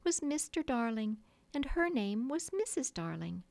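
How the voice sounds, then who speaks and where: A motherly little storybook girl, played by a woman, telling her tale with earnest grandeur and gentle scolding. Her pitch rises high and swoops theatrically, close and dry in the recording. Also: very animated, measured pace, creaky, no echo, full character voice. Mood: earnest, storytelling.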